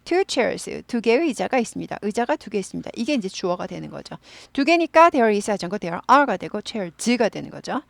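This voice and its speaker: A woman teaching English in Korean, explaining grammar patiently and slowing down to model English phrases for repetition. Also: mid-range voice, sing-song, creaky, no room sound. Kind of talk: online English lesson.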